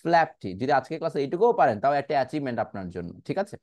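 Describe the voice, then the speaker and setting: A man's voice: medium pitch, very animated, darkish tone, dry recording. Bangladeshi man teaching pronunciation, dry sound. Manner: repeats words slowly, stretching sounds to demonstrate; asks checking questions, mixes English into his talk. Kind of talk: online pronunciation lesson.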